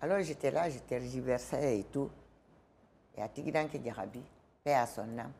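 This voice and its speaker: A woman's voice: extremely low pitch, normal speed, dark tone, a little hiss or hum. A woman giving a personal testimony on a talk show, animatedly acting out the dialogue as she tells it. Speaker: guest.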